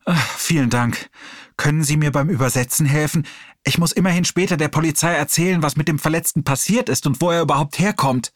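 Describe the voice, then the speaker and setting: A man's voice: brisk, no room sound, clean studio sound, natural voice. A man voicing a young, flustered male hospital nurse who sounds exasperated and whiny. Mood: relieved. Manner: whiny, exasperated, higher-pitched.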